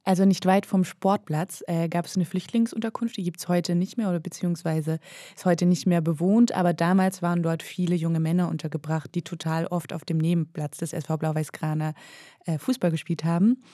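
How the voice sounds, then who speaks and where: A woman's voice: fairly low pitch, steady tone, a little fast, warm tone, dry recording, clean studio sound. A woman reporter and filmmaker talking fluently and explaining at length on a podcast. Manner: fluent, explanatory, with occasional "äh" fillers. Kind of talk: podcast conversation and narration.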